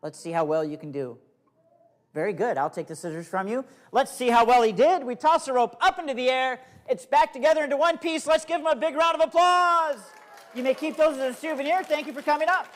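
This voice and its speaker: A man's voice: extremely high pitch, a little fast, fairly bright tone. A man works a live kids' comedy magic show as the magician. He speaks in simple, coaxing phrases to small volunteers, then turns to address the audience like a playful showman. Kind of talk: live stage show patter for kids, talking to volunteers and audience.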